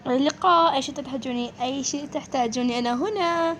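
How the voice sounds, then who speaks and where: A woman's voice: high-pitched, fast, a bit bright, a little hiss or hum. A woman voicing family characters in a playful dollhouse game role-play.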